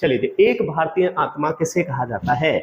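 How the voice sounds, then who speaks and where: Speaking at normal speed in a voice on the high side, a male exam-prep teacher runs a quiz-style lecture with a little hiss or hum in the background. He asks a question, answers it, and repeats it for the students to echo, addressing them as friends throughout.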